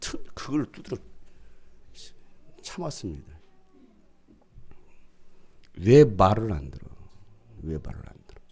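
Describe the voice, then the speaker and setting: A middle-aged man preaching a sermon as pastor, swinging from loud proclaiming to hushed storytelling. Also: fairly low pitch, sing-song, measured pace, pauses often, breathy edge.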